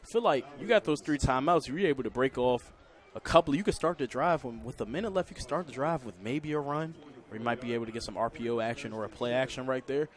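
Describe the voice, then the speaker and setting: A man's voice: medium pitch, fast. An American man giving conversational colour commentary on football, often repeating his phrases.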